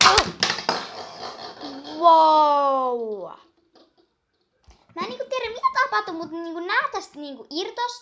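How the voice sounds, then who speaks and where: Young girl, high bright voice, excitable unboxing chat, gushing. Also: a little hiss or hum. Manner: counts down aloud. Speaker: toy unboxing vlogger.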